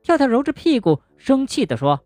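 A woman narrating a children's bedtime story gently and expressively, speaking to a young listener. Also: high voice, very animated, a little fast, no room sound, faint music behind.

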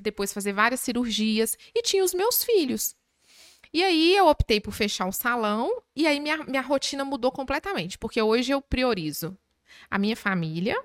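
A Brazilian woman in her thirties with a Belo Horizonte accent, a manicure talking as a podcast guest. She tells her stories animatedly, acting out quoted voices. Her voice sits a bit high and is recorded close and dry. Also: no echo. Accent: Belo Horizonte, Minas Gerais. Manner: animated storyteller, lively quoted voices, laughs often. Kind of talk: casual interview chat.

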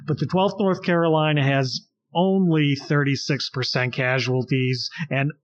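A man's voice: fairly high pitch, steady tone, a little slow, dull audio, slight background noise. A man co-hosting a history podcast, talking listeners through battle casualties and events with enthusiasm. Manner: enthusiastic, addresses listeners directly. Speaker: podcast co-host.

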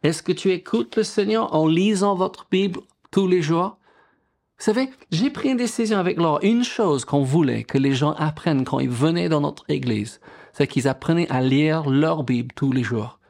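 Man, middle-aged pastor, sermon, slightly high voice. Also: animated, moderate pace, gravelly, a little mellow. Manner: preaching with emphatic rises, quoting scripture, asking the congregation questions.

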